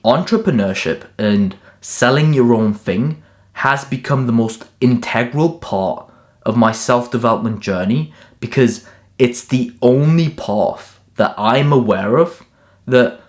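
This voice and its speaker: A man's voice: mid-range voice, a little mellow. A young man, born in Turkey and raised in England, delivering a direct, motivational self-improvement monologue in short punchy lists. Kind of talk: scripted self-help monologue.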